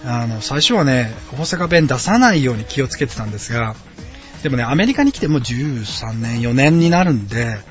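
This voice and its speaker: A man's voice: mid-range voice, lively intonation, brisk, dull audio. Late-30s man from Osaka for a homemade podcast: friendly, rambling, filler-heavy, over faint background music. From Osaka, Japan. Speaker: podcast host. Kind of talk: casual solo podcast chat. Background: quiet background music.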